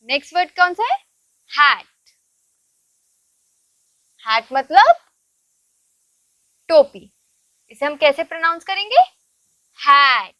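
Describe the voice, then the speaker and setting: A woman teaching English words to children, patiently repeating and spelling each word slowly. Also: sits high, bright, forceful tone, no room sound.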